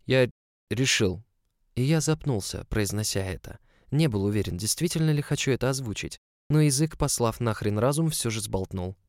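A man's voice: medium pitch, animated, a little fast, darkish tone, dry recording. A man narrating a story in the first person, in an intimate, close storytelling manner. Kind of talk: audiobook narration.

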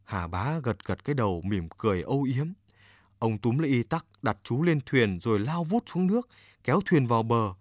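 A man narrating a children's story with a steady, expressive reading. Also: mid-range voice, normal speed, no echo. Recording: dry close mic with faint music.

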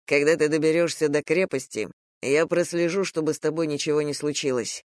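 A reader voicing a stern, protective grown man, a warrior, speaking slowly and firmly in an audiobook. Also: a little high, fairly even intonation, no room sound, clean studio sound, close to an everyday voice. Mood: grave. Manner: slow, grave and firm.

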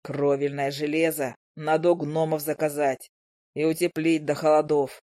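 A calm, stubborn male hunter who answers everything in a low, deadpan drawl, as a woman reading the book puts him on. The voice sits close and dry, with no room around it. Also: moderate pace, dry recording, close to an everyday voice.

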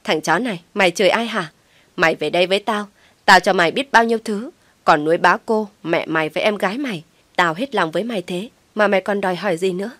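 A woman's voice: medium pitch, quick pace, fairly bright tone, no room sound, close to an everyday voice. A woman voicing a furious, jealous young wife who screams and curses. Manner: screaming, cursing. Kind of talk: storybook narration with acted voices.

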